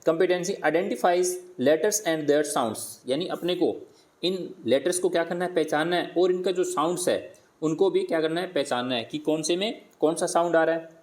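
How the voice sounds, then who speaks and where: A man teaching primary pupils, slowly repeating words and sounding them out, asking questions and answering them himself. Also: fairly high pitch, a little mellow. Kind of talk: worksheet lesson for primary pupils.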